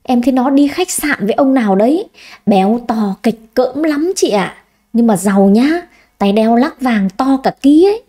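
A woman's voice: fairly high pitch, moderate pace. Woman doing a chatty gossiping shopgirl. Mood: gossipy. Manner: chatty, tattling, excitable. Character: young gossipy female shop employee.

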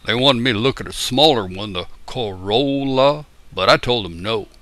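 A man's voice: medium pitch, moderate pace, fairly bright tone, dry recording, lightly acted. A man voicing a plainspoken, boastful small-town used car dealer.

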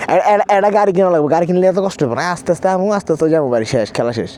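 A high-voiced man with an Old Dhaka accent talks to his camera while riding a motorbike through city streets at night. He exclaims and chats loosely with his friends, sounding cold and worn out. Loud traffic noise fills the outdoor recording. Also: rapid-fire. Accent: Old Dhaka Bangla. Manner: excited, exclaiming, chatty with friends. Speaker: motovlogger. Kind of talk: casual night-ride vlog chatter.

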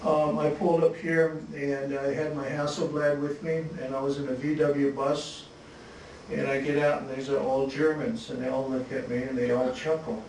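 Man giving a halting slide talk in an echoey hall. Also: mid-range voice. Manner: relaxed, halting, frequent restarts and chuckles. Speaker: photographer presenting his work. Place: museum lecture hall. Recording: echoey hall, distant mic, faint hiss.

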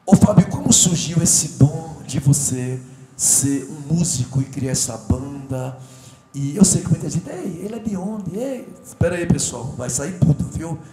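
On a TV studio set, a middle-aged man hosts an interview show through a lapel mic, his fairly high voice lively in intonation and measured in pace. He's effusive and rambling, cracking jokes and shouting at the crew. The recording is echoey, and background noise can be heard.

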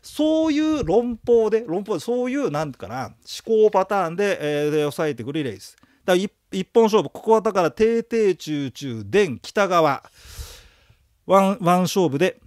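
A man's voice: high voice, lively intonation, fast, a little mellow, no echo, studio quality. A man giving a recorded audio lecture for exam prep, talking casually, joking and leading rhythmic memory chants.

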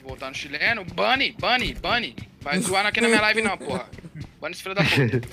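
A Brazilian man streaming a shooter game, chatting excitedly with teammates and often swearing and shouting. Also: high-pitched, a little fast, music in the background. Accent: Brazilian Portuguese. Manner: excitable, swears a lot, yells when frustrated. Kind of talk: casual gaming chat with teammates. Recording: noisy game audio behind the voice.

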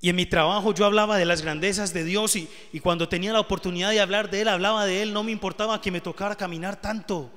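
A man with a high voice preaches live in a church hall, his words trailing off in long reverb. He talks earnestly, giving testimony that builds to emotional peaks. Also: fairly even intonation, quick pace, hardly any pauses, fairly bright tone. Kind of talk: sermon.

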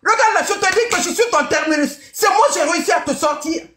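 A woman hosting a live stream, shouting scornful insults with mocking laughs. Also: extremely high pitch, fast talker, echoey room, a little hiss or hum.

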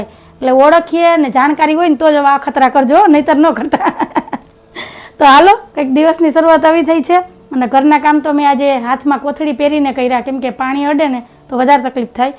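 A middle-aged woman, chatting casually in a home vlog, teasing and giving homespun advice. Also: sits high. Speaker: family vlogger.

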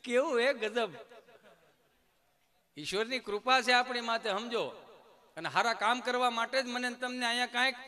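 Bright-voiced comedian. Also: male voice, extremely high pitch, normal speed, long pauses. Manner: animated storytelling. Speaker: stand-up comedian. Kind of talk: live stage comedy. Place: stage at a temple event.

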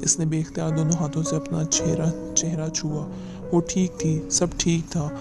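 A man reads a novel aloud in a measured, dramatic storytelling voice that slows down for the tense moments. His pitch sits a touch high for a man and stays fairly flat and even. Loud background music plays under the whole narration. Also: vocal fry. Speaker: audiobook narrator.

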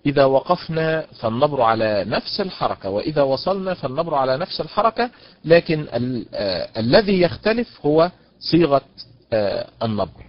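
A man's voice: on the high side, very animated, brisk. A man teaching an online lesson on Quranic recitation stress, patiently drawing out example words and praising his students by name. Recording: dull, dry lo-fi online lecture audio.

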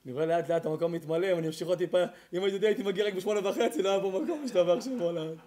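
Man, rabbi, sermon, very high voice, swings quiet to shouting.

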